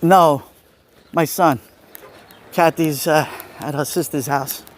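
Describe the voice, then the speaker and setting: This is a middle-aged man with an Italian-American accent from Brooklyn, hosting a casual walking livestream and responding to viewers. His voice is a little high, steady and slow. Outdoors on a city street, the recording picks up street noise and passing vehicles.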